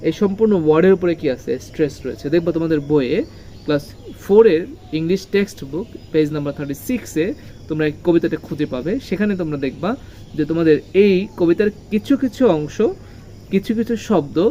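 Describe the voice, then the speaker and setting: An English teacher with a warm, medium-pitched voice gives a lesson to children, with slight background noise. The teacher asks questions, answers them, and repeats key words with heavy stress.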